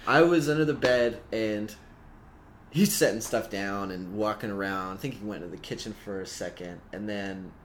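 A man telling a story in casual chat, animated and laughing often. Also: on the low side, moderate pace.

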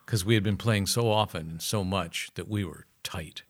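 An older man with a lowish voice spins loose, casual anecdotes as a guest musician. He jumps between narration and quick imitations of the people in his stories, keeping the tone conversational. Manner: lively storyteller who slips into voices of people in his stories.

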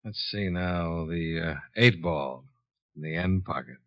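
In a 1950s radio detective drama, an actor plays a cool, shrewd insurance investigator, hard-boiled and unhurried. His low male voice is dry and matter-of-fact, coolly accusing, on a dull-sounding vintage broadcast recording.

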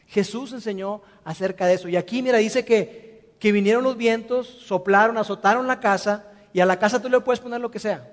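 A high-pitched man preaches, earnest and direct. He drives points home by repeating them and speaks straight to the listener. His voice rings with the long reverb of a large hall. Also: a little fast. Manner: earnest, repetitive emphasis, direct address to listener. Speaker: pastor. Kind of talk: sermon.

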